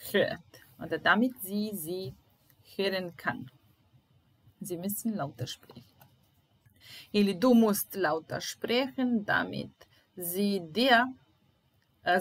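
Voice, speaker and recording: A woman teaches German, sounding out each sentence slowly and repeating it so learners can follow. Her voice sits at a middle pitch, and the pace stays deliberate and patient. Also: low-quality recording. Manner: slow, deliberate repetition of phrases. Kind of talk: language lesson, translating sentences aloud.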